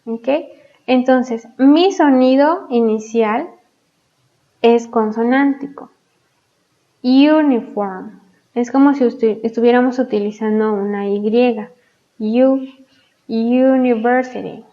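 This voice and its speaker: A woman teaching English grammar, explaining patiently and pronouncing example words slowly and clearly. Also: a little high, warm tone. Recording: dull lo-fi sound.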